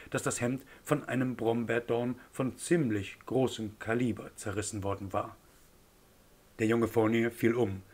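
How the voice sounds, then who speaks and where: Male audiobook narrator, measured storytelling, lowish voice. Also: husky.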